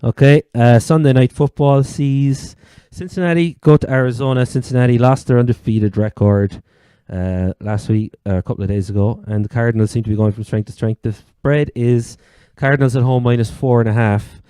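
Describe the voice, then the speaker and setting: A man's voice: medium pitch, fairly even intonation, moderate pace, hardly any pauses, dark tone, clean tone, no echo. A man with an Irish accent from Cork, hosting a casual sports chat. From Ireland. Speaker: sports podcast host.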